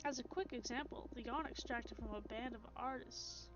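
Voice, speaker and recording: Woman doing a shy spider witch girl, soft and hesitant, fairly high voice, muffled lo-fi sound, game music behind. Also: moderate pace, background noise, lightly acted. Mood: nervous. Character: shy nervous young female spider witch. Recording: dull lo-fi stream audio with game music.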